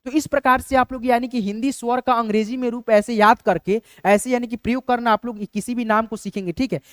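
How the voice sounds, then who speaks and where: A man's voice: very high voice, steady tone, a little fast, clean tone, no echo, clean studio sound. A man teaching a lesson, patiently spelling out words letter by letter and often checking in with his students.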